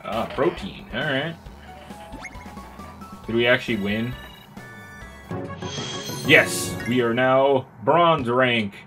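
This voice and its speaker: A man's voice: medium pitch, slow, long pauses. A young man playing through a video game, reading the dialogue aloud and joking crudely between lines. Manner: casual, crude, joking, puts on voices for characters. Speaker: let's play gamer. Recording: game music playing behind.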